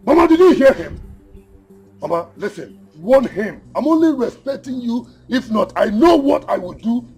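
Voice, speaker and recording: Furious high-pitched Nigerian husband. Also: male voice, very animated, normal speed, darkish tone, soft background music, heavily acted. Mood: angry, indignant. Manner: confrontational, repeats demands. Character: furious jealous village husband confronting his brother. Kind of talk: Nigerian film drama acting.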